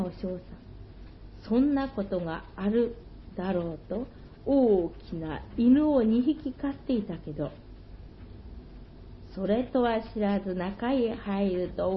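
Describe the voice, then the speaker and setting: A woman telling an old folktale slowly and gently, in old-fashioned storytelling phrasing. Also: on the high side, a little hiss or hum. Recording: dull lo-fi recording.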